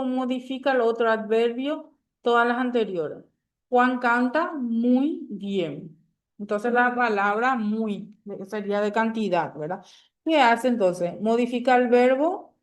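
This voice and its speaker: A woman teaching a grammar lesson to a class, patient and checking understanding often. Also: on the high side.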